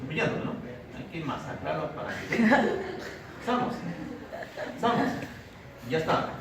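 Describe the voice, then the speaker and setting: This male physiology lecturer from Peru speaks with a Peruvian Spanish accent in a fairly high, expressive voice, a little slowly, constantly checking in with students using "¿cierto?" and "¿estamos?" ("right?", "are we clear?"). A distant camera mic records him in a large echoey classroom, with a crowd audible in the noisy room.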